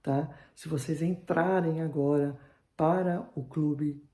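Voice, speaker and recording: Very dark-voiced man teaching. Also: on the high side, fairly even intonation, roomy sound. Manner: checks in with "tá?" after nearly every phrase, slows down for examples. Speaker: German teacher. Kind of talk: online grammar lesson.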